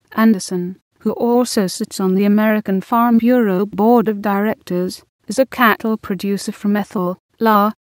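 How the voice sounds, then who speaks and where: A woman narrating an informational text in an even, steady reading voice. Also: mid-range voice, no room sound, studio quality. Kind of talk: scripted narration of an encyclopedia-style text.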